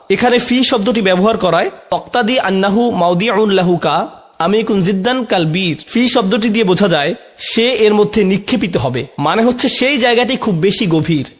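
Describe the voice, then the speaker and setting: A man's voice: sits high, expressive, moderate pace. A man with a Bangladeshi Bengali accent dubbing a religious lecture, explaining word meanings and putting rhetorical questions to his listeners.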